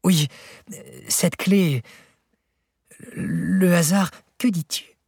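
A man reading a story and voicing an impulsive, excitable elderly male professor who bursts out in high exclamations. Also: slow, husky, no room sound, clean studio sound, heavily acted. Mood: urgent. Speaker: the narrator's uncle.

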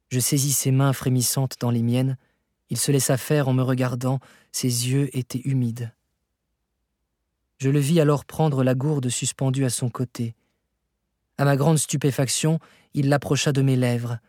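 A man reading a classic novel aloud as scripted narration, measured and expressive. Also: mid-range voice, dry recording, studio quality. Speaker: audiobook reader.

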